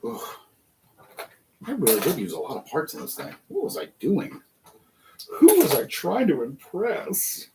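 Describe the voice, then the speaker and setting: A man's voice: on the high side, wildly swooping pitch, measured pace, creaky, long pauses. American male streamer, casual rambling chat, musing asides, faint background noise. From United States. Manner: rambling, musing aloud with rhetorical questions. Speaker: livestream host building toy bricks.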